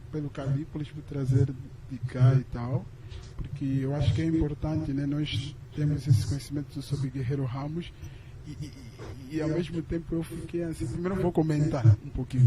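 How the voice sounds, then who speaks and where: Young angolan guy, chatty, keeps saying né, mixes in english, slightly high voice. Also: steady tone, moderate pace, hardly any pauses, noisy background. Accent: Angolan Portuguese. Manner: casual, chatty, tags with "né" and switches into English. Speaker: exchange student asking a question. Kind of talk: audience question at a lecture.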